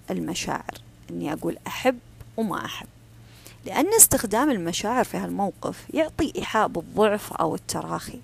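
A woman giving a calm, firm advice talk. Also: medium pitch, creaky, slightly rough. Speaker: self-help speaker. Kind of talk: advice talk on personal boundaries.

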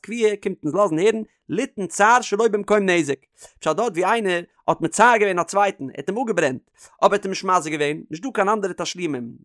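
A man's voice: high-pitched, a bit bright, no echo, clean studio sound. A man with a Yiddish accent teaching a Talmud lesson in a singsong study chant.

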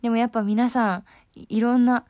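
A woman's voice: a little high, flat delivery, fast talker, a little mellow, no room sound, studio quality. A young woman with a Kansai accent hosting a casual solo talk show in a chatty, friendly way and laughing easily. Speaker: host.

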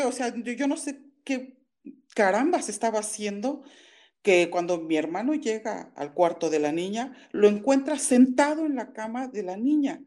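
A woman's voice: fairly high pitch, dark tone. A woman calling in, telling an upsetting family story in an agitated, indignant way with many restarts. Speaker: caller. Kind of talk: emotional phone-in account.

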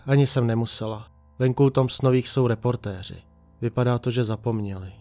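A man reading the part of a weary, reproachful young wife in a quiet, subdued voice. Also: mid-range voice, fairly even intonation, faint music behind, close to an everyday voice.

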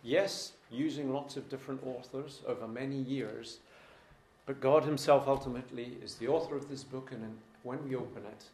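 A man's voice: mid-range voice, steady tone, moderate pace, a little mellow, roomy sound. A man preaching a sermon to a congregation in a room, earnest and repeating his points for emphasis.

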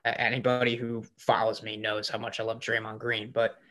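A man's voice: fairly low pitch, level tone, a little fast, fairly bright tone. A man co-hosting a sports podcast, talking in an enthusiastic, rambling way with lots of fillers. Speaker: podcast co-host. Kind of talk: casual sports chat.

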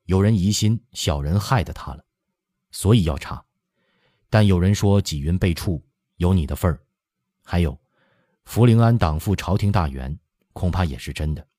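In an audiobook, a man voices a composed imperial prince delivering a stern rebuke, calm, flat and measured. His voice is deep and dark with a husky grain, recorded with clean studio sound and no echo.

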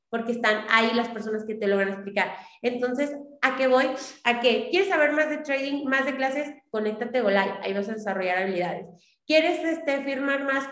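High-voiced woman coaching on a video call. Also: a bit bright, echoey room. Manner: coaching, repeats points, asks "¿sí?". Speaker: business team leader. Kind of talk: motivational talk on a video call.

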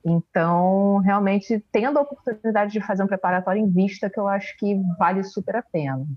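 A woman, a forensic expert and teacher, telling her story in an interview in a casual, animated way with many fillers. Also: medium pitch, brisk, no echo, lo-fi sound. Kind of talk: interview answers, personal story.

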